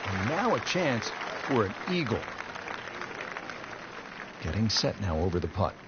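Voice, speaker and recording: A man's voice: fairly low pitch, big pitch swings, a little slow. A man working as lead golf commentator, calling the play in short, clipped phrases. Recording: dull audio, loud crowd and outdoor noise. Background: golf crowd and outdoor ambience.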